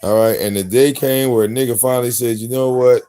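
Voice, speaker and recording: A man in his forties hosting a live stream, talking bluntly in profane slang and slipping into soft baby talk with his pets. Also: medium pitch, steady tone, fairly quick, smooth. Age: 40s. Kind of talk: casual live-stream rant.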